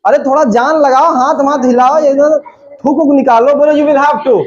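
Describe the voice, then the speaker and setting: Classroom English teacher, man, very high voice, loud joking drills, dull lo-fi room recording with students in the background. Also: fairly even intonation, normal speed, a faint crowd. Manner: shouts drills, jokes with students.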